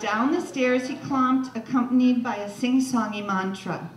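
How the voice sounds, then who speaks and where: A woman's voice: on the high side, moderate pace, slight background noise. A woman storyteller and mother reading a personal story aloud at a live holiday event, with wry, self-mocking humor. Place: holiday sing-along event, indoors. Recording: echoey live-room recording from a distance.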